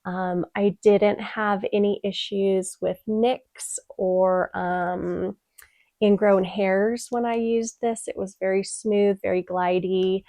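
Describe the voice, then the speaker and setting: A young beauty vlogger with a medium-pitched voice talks through a product review in a dry recording. Her cold leaves her stuffed-up and nasal, and she's chatty yet soft-spoken, using many "um"s.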